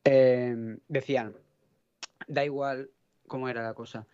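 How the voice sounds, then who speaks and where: A man's voice: medium pitch, fairly even intonation, a little slow, warm tone, clear, resonant tone, no room sound, dull audio. A man from Catalonia with a faint Catalan accent, chatting as a podcast guest, rambling, hunting for words and swearing casually. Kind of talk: casual chat.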